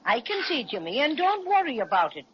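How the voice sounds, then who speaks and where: A woman's voice: high voice, very animated, a little fast. A chipper little teddy bear who sings his lines up and down and talks in quaint folksy turns of phrase. The sound is muffled and old-fashioned, like a 1930s radio transcription with faint hiss underneath. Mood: bossy. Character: cheerful plucky stuffed teddy bear. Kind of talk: 1930s children's radio serial acting.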